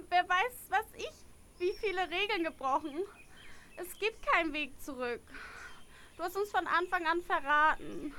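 A woman's voice: very high voice, bright, forceful tone, full character voice. A woman playing a hesitant young contestant. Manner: hesitant, repeats words, some whispering. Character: torn young woman contestant, wavering then resolute.

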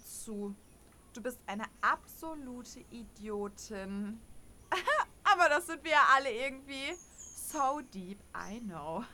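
A woman's voice: a little high, bright, forceful tone, exaggerated voice. A woman voicing a sarcastic, theatrical young woman who drawls her mocking lines.

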